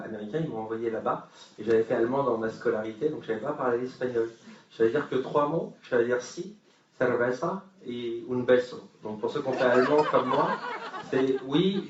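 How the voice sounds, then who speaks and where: Man telling a story in an echoey hall. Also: medium pitch. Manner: anecdotal, humorous, many hesitations. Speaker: speaker at a forum. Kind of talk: conference talk. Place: conference hall with audience. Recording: far-off echoey hall, dull sound.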